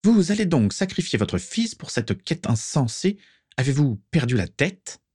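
A man reading aloud and voicing a shrill, nagging noblewoman with a high-pitched voice. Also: sing-song, a little slow, darkish tone, husky, full character voice. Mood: indignant. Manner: scolding, indignant.

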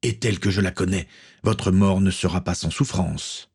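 A man's voice: low voice, moderate pace, a little mellow, slightly rough, full character voice. A man voicing a stern middle-aged pirate captain, an uncle who speaks with firm authority.

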